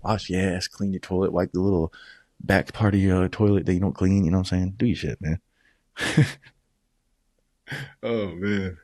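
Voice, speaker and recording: A man's voice: low-pitched, steady tone, moderate pace, long pauses, darkish tone, dry recording, clean studio sound. A man casually recapping fight events at home, rambling and swearing, tossing in "bro" and "man" constantly. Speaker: combat sports vlogger.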